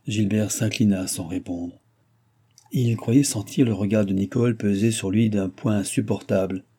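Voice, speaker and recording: Audiobook narrator, male, low and husky, steady literary reading. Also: moderate pace. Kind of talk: reading a classic novel aloud.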